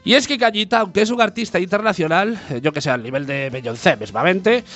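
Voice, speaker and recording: A man's voice: sits high, a little fast, fairly bright tone, faint music behind. A man from Galicia hosting a podcast, telling a story with mock-grandiose, ironic flair. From A Coruña, Galicia, Spain. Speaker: podcast host. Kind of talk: scripted podcast narration and banter.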